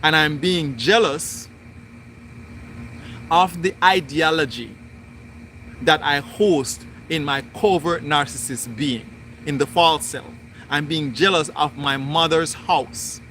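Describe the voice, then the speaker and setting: Slow, bright-voiced man reflecting aloud. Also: a little high, a little hiss or hum. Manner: slow, deliberate, repetitive phrasing. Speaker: spiritual livestream host. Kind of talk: reflective spoken monologue.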